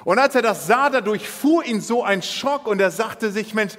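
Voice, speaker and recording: Brief: a male preacher telling a parable with dramatic flair, bright high voice ringing in a big reverberant hall. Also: expressive, normal speed. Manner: vivid, dramatic storytelling. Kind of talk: sermon retelling a parable.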